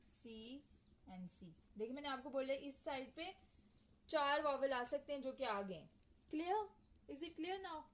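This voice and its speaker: A woman's voice: sits high, a little hiss or hum, rough recording. Patient young woman teaching a lesson. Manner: explaining patiently, checking understanding, spelling words out letter by letter. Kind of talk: casual lecture, code-switching with English terms.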